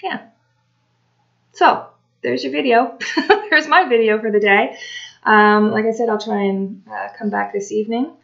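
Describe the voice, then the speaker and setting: A woman talking casually to camera as a tarot reader, unhurried and full of ums and restarts. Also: on the high side, creaky, a bit bright, dull audio. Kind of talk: casual solo talk to camera.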